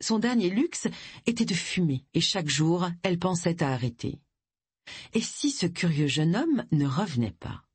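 Expressive, slightly husky audiobook narrator. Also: medium pitch, moderate pace, no room sound. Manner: expressive storytelling. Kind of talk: scripted narration.

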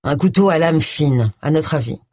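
Brief: reader voicing a dejected cop in an audiobook; flat, husky, dry. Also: mid-range voice, very fast, no echo, close to an everyday voice. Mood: weary. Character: weary male police detective.

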